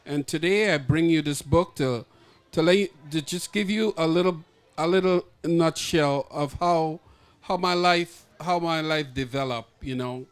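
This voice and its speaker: A man from Guyana presents his memoir at a book expo, speaking hesitantly and restarting phrases. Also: on the high side. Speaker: memoir author.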